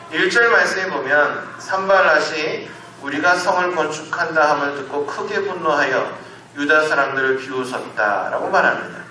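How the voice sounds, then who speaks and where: A man's voice: fairly high pitch, sharp tone, slight background noise. A male senior pastor preaching a Sunday sermon in a church sanctuary, asking his listeners question after question. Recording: echoey church hall, mic at a distance.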